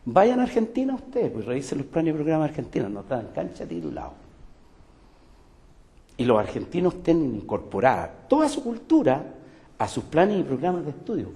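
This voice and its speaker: A man's voice: a little high, huge pitch swings, brisk, warm tone. Older Chilean man lecturing in a hall. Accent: Chilean Spanish. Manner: emphatic, rhetorical, many asides. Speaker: guest speaker, music teacher and folklorist. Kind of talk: public talk to an audience. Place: cultural center hall. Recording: long hall reverb.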